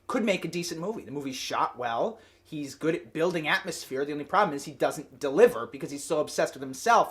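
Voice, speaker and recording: Male co-host, fairly high voice, critical and explanatory in casual chat. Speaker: podcast co-host. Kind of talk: casual movie review chat.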